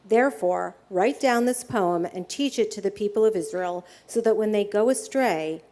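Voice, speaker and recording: A woman's voice: medium pitch, mellow. A woman reading scripted lines aloud in an amateur play.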